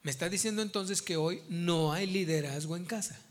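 A man's voice: high-pitched, moderate pace. A man preaching a sermon as pastor, emphatic and repeating his key phrases.

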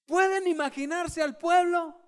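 A man preaching a sermon, dramatic, swinging from hushed storytelling to shouts and urging the congregation to join in. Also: extremely high pitch, a little slow.

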